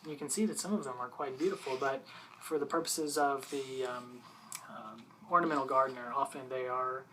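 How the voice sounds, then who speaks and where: A person doing an ASMR role-play as a patient, bookish librarian, softly and hesitantly explaining books to a visitor in a unhurried library soft voice. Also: medium pitch, fairly even intonation, a little hiss or hum, rough recording. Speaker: librarian showing gardening books.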